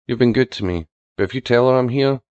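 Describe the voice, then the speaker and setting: A man's voice: mid-range voice, quick pace, darkish tone, clean tone, no echo, dull audio, close to an everyday voice. A man reading a story aloud and voicing a foul-mouthed, scornful, menacing young girl, in a growling, mocking way.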